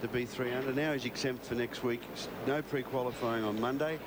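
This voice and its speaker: A male golf commentator calls play live for television. He speaks at a middling pitch in short analytical phrases. The sound is thick with outdoor background noise. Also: fairly even intonation, moderate pace. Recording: very noisy outdoor broadcast sound.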